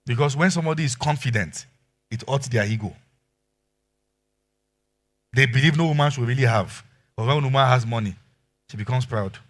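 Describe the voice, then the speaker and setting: A man preaching a sermon as pastor, animated and emphatic, asking rhetorical questions. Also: medium pitch.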